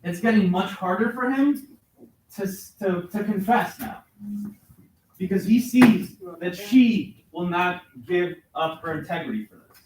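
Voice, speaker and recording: A man's voice: high voice, expressive, unhurried, a little mellow, slight background noise. A male teacher leading a class discussion, questioning and coaxing students for answers. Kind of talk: classroom lesson. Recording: very echoey classroom from far off.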